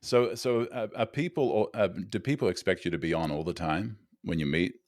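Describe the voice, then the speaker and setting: Deep-voiced male interviewer. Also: brisk, a little mellow, no room sound, studio quality. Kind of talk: casual interview questions.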